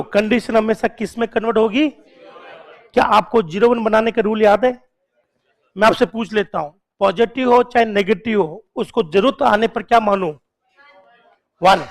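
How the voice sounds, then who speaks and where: A man with a notably high voice gives a classroom lecture. He drills each point, repeats it, and keeps firing questions at his students. His tone coaxes and encourages them to keep at it. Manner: coaxing and encouraging toward students. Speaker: teacher.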